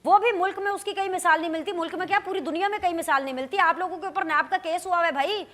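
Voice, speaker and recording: A woman's voice: extremely high pitch, rapid-fire, a bit bright. Pakistani woman anchor pressing a guest. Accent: Pakistani Urdu. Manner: pointed, pressing questions. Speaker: talk show host. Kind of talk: news talk show anchor.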